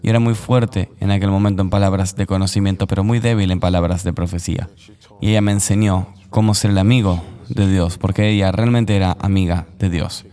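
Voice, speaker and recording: A man recounting a personal testimony as an interview guest, in an earnest, measured voice-over. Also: low voice, steady tone, dark tone, long reverb tail.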